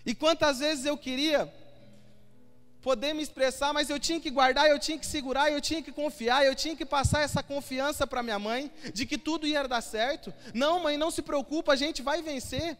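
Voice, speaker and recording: Very high-voiced man preaching in a hall. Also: fairly even intonation, moderate pace, fairly bright tone. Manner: emotional, storytelling with quoted dialogue. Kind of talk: sermon testimony. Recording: hall reverb with faint music.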